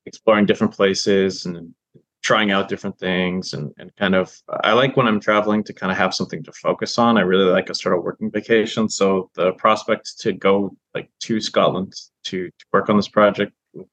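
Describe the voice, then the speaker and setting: A man's voice: low voice, steady tone, fairly bright tone, dry recording. A man, a filmmaker guest, speaking hesitantly in a casual interview. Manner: hesitant, halting. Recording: dull lo-fi dry audio.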